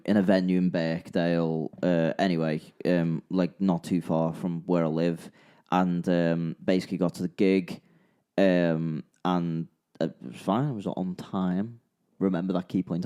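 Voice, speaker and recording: A young Scouse-accented man from Liverpool, England, speaks in a low, dark voice. He's a musician co-hosting a podcast, telling a long, rambling story in casual chat, restarting and repeating himself as he goes.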